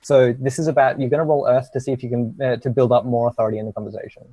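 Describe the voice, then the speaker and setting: A man running a tabletop game, casually and haltingly guiding players through rules with encouraging prompts. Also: mid-range voice, little pitch movement, warm tone, lo-fi sound. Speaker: game master.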